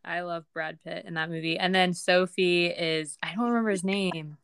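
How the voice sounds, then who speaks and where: A young woman co-hosting a podcast, chatting casually and rambling with many pauses and fillers. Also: fairly low pitch, steady tone, fairly bright tone, clear, resonant tone, no room sound, studio quality. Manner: rambling, lots of ums and likes. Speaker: podcast co-host. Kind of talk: casual chat.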